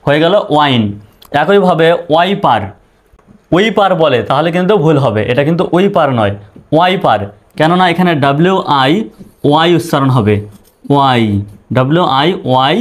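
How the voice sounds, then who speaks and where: Male teacher with a fairly high voice, talking through spellings step by step. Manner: spells words letter by letter, asks and answers his own questions. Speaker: English reading teacher.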